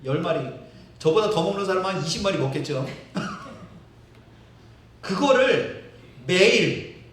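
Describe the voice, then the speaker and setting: A male pastor preaching a sermon with lively storytelling, often acting out quotes and chuckling. His voice sits high for a man. The sound is very echoey and distant, recorded in a church sanctuary. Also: slow, slight background noise. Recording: very echoey hall, distant mic.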